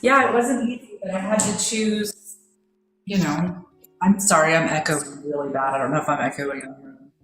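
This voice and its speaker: A woman calls in and talks hesitantly, often apologizing, her voice a touch low for a woman. Her line rings with a heavy echo, as if bouncing around a big bare room. Faint music plays softly underneath. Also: fairly even intonation, moderate pace. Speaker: caller on a live stream. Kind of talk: casual call-in chat. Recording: echoey call audio with faint music.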